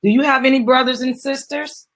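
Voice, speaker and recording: Here a mother reads a storybook dramatically alongside her daughter, her slightly husky voice pitched high with a fairly bright tone and a brisk pace. This middle-aged woman chats in casual asides, turning to the child and audience with questions.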